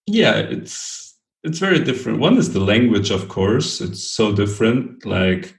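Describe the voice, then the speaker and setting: A Brazilian-born man raised in Portugal and Germany, talking as a podcast guest, halting and full of restarts. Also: on the low side, big pitch swings, vocal fry, reverberant, rough recording. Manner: halting, many restarts and fillers, laughs lightly. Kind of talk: conversational interview answers.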